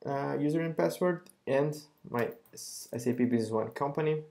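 A man, a software solution architect, narrating a screen-recorded software demo in a relaxed explaining way with frequent pauses and fillers. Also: a little high, vocal fry.

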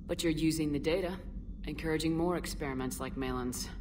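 A woman's voice: low voice, a little fast, distant mic, background noise, lightly acted. An actress playing a composed female military space commander in a video game, asking direct questions. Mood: probing.

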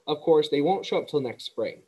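A man reading aloud and voicing a weak, wise female spider who talks quietly and tiredly. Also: a little high, expressive, normal speed, slightly rough, voice pushed up, rough recording. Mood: weary, gentle.

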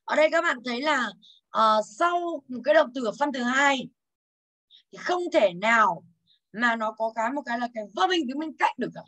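Young woman English teacher, slightly high voice, lively and teasing, walking the class through exam answers. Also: moderate pace, poor audio. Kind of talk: exam answer walkthrough lesson.

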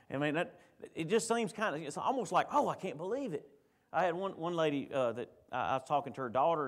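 A man preaches a sermon. His voice sits a little high for a man. He talks conversationally, often stumbling, restarting and repeating words as he goes. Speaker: pastor. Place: church.

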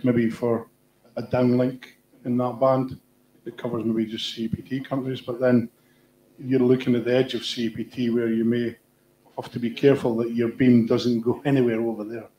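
A man's voice: mid-range voice, mellow. A man on a conference panel, explaining at length with fillers and restarts. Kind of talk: panel discussion. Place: large conference hall on stage. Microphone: room sound from far in the audience. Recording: echoey hall from far off.

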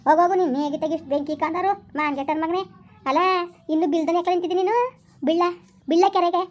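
A woman playing a sharp-tongued village wife who scolds her husband in a rapid, furious rush, in a comedy skit. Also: very high voice, steady tone. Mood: scolding. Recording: muffled lo-fi sound.

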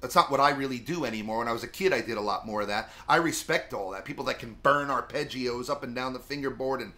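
A middle-aged man explains guitar solos in a loose, chatty way and wanders off on tangents. His voice has a bright, forward edge, and his pitch sits in an ordinary middle range. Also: fast. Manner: rambling, chatty, lots of fillers. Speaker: music teacher. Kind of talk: casual video guitar lesson.

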